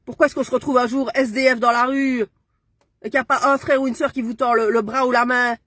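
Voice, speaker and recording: A woman's voice: fairly high pitch, steady tone, quick pace, a bit bright, no room sound. A woman, ranting furiously on a social media live stream and punctuating her lines with "hein". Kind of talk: angry live-stream rant.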